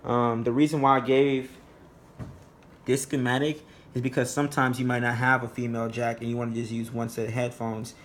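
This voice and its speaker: A man presents a DIY tutorial in an informal, plain-spoken way. His delivery stays flat and even at a middling pitch. There is faint background noise in the amateur recording. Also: brisk. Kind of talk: casual how-to narration.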